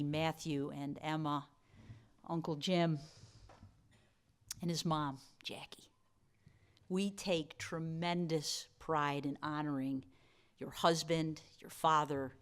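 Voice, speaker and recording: Low-voiced woman giving a dinner speech. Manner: warm, playful asides to the audience. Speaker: college president giving dinner remarks. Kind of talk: formal speech at an awards dinner.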